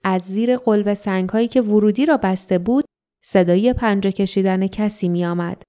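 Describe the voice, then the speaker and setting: Woman, audiobook narration, calm, even, warm mellow voice. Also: medium pitch, smooth.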